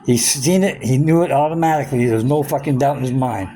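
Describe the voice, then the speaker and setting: A vlogger in his sixties rants angrily about his medical troubles, swearing constantly and repeating himself. His voice is medium-pitched and dark in tone, and he talks briskly in a heated, profane outburst.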